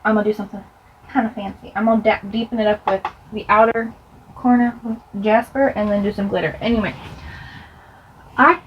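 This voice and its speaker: A woman's voice: mid-range voice, fairly even intonation, a little fast. A young woman vlogger telling a dramatic story while doing her makeup, breaking off for chatty product asides. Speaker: beauty vlogger. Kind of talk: get-ready-with-me storytime. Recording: slightly dull, faint noise.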